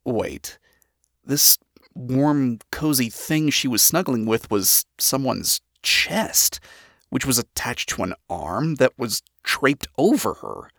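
Lively, expressive audiobook narrator. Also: medium pitch, slow, creaky, no room sound, clean studio sound. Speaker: audiobook reader. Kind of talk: read-aloud story narration.

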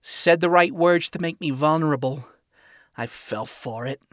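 A man's voice: fairly high pitch, unhurried, fairly bright tone, no room sound, clean studio sound. A man voicing a world-weary, flamboyant male spider demon who swears and talks in slang, in a fan fiction reading. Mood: bitter.

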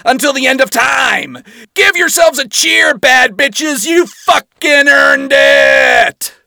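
A man voicing a crude, swaggering male archangel commander who shouts and swears. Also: extremely high pitch, slow pace, creaky, no room sound, clean studio sound, voice pushed up, heavily acted. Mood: rowdy bragging.

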